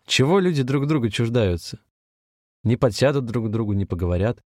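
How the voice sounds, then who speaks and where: A man's voice: mid-range voice, expressive, fairly quick, darkish tone, no room sound, clean studio sound, natural voice. A man voicing a fervent, feverish young ex-soldier who talks earnestly about a plague and hope.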